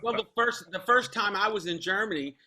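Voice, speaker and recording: A middle-aged man on a video call telling anecdotes with deadpan jokes. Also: sits high, a little fast, noisy background. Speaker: guest singer.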